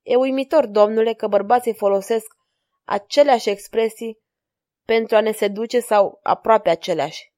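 An elegant masked lady with a cool, ironic edge and quiet passion underneath, as a woman reader voices her in a storybook reading. The voice sits close and dry, with no room sound around it. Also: on the high side, no room sound, lightly acted.

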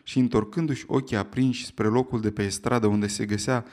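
A man narrating an audiobook in a steady storytelling delivery. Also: mid-range voice.

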